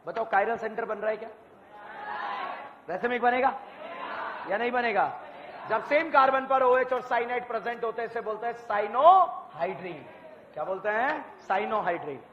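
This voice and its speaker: A man teaching chemistry in an exam-prep lecture, firing questions at students and repeating each answer back to them, with bursts of shouted emphasis. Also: extremely high pitch, moderate pace, pauses often, crowd noise. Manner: quizzing students, repeating answers with call-and-response. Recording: echoey hall, muffled lo-fi sound.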